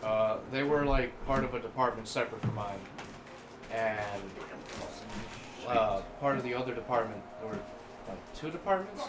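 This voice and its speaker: A man's voice: medium pitch, lively intonation, moderate pace, long pauses, echoey room, music in the background, poor audio. A man co-hosting a podcast, casually telling rambling, crude workplace stories. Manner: rambling crude anecdotes, acts out quoted voices. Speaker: podcast co-host. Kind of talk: casual storytelling chat.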